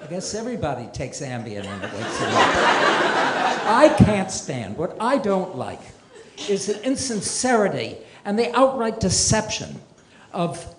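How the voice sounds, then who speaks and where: A man's voice: high voice, big pitch swings, measured pace, background noise. An older man doing a stand-up comedy set on a club stage, delivering dry one-liners with self-deprecating asides. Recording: roomy club with loud audience laughter.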